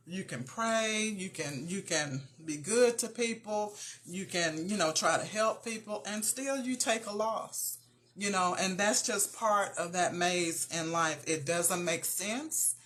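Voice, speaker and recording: A woman's voice: mid-range voice, a bit bright. A woman hosting a show, giving an earnest, encouraging faith-based talk and speaking straight to her listeners. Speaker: motivational show host.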